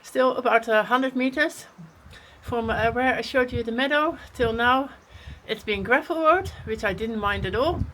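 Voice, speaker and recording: A woman's voice: a little high, moderate pace, a bit bright, slight background noise, low-quality recording. Chatty woman vlogging on a hike. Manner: chatty, frequent "uh" fillers, self-deprecating. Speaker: hiking vlogger. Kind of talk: casual vlog narration while hiking. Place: outdoors on a mountain trail in rain.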